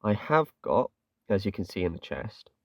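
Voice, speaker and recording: With a fairly low voice full of big pitch swings, this English gaming host talks at normal speed through his gameplay. He's casual, rambling, and self-deprecating, using fillers like "kinda"; the recording is dry and muffled, from a distant mic.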